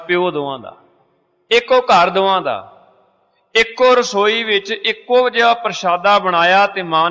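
A man's voice: high-pitched, pushed and bright. A man preaching who explains through everyday examples and rhetorical questions. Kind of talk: religious discourse. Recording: echoey hall.

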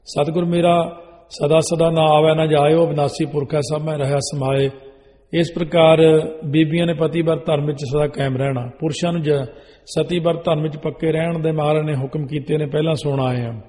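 Male preacher, mellow, higher-pitched voice, instructive sermon, recites verses, long reverb. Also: fairly even intonation, normal speed. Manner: quotes scripture verses in a recited cadence; instructive, rule-listing delivery. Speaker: Sikh preacher. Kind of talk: religious sermon on wedding rites.

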